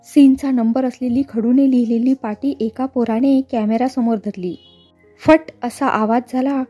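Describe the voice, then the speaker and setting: A woman narrating a novel aloud in a steady storytelling manner. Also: fairly high pitch, a little slow, slightly rough. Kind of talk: novel reading. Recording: faint background music.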